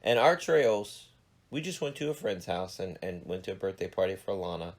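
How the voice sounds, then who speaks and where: Low-pitched and brisk, a man in his forties hosts a casual podcast conversation. Allergies leave him stuffed up and a little nasal, and his humor leans self-deprecating.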